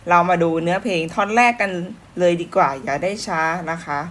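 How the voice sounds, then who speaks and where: A woman gives a relaxed online English lesson. She sounds chatty and patient. She slowly repeats each phrase and leaves many pauses. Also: lowish voice. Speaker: English teacher.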